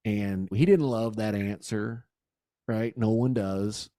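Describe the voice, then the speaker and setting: A man's voice: lowish voice, steady tone, slow, dark tone, no echo, studio quality. A man hosting a business podcast and coaching, enthusiastic and affirming as he tells stories. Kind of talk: podcast interview.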